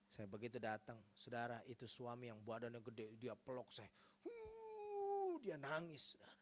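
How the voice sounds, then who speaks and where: A male pastor preaching a sermon, telling stories and acting out dialogue, swinging from hushed to loud. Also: mid-range voice, steady tone, brisk.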